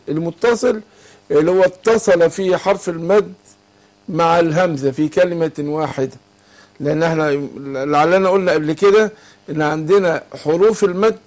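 High-voiced Egyptian man teaching recitation. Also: darkish tone. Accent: Egyptian Arabic. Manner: patient, asks students to fill in words. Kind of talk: call-in tajweed lesson.

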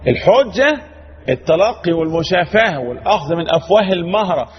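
A high-pitched Egyptian man teaches Quran recitation, pressing his points with emphatic repetition and calling on students to pay attention. His voice rings with a long hall reverb. The sound is dull and lo-fi. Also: expressive, brisk. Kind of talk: teaching a class.

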